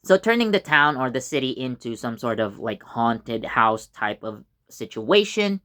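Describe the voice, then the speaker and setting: A man's voice: medium pitch, sing-song, measured pace, sharp tone. A man talks through a TV episode on his own channel, loose and conversational. He rambles and circles back, with plenty of fillers along the way. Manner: chatty and rambling, with many fillers and self-corrections. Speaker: YouTube channel host reviewing a TV episode. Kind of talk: casual video review.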